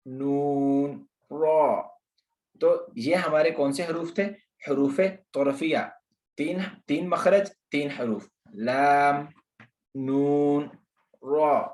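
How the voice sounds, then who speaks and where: A man teaching Quran pronunciation in an online lesson, patiently explaining and repeating letter sounds for practice. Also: a little high. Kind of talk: slow online tajweed lesson. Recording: roomy echo.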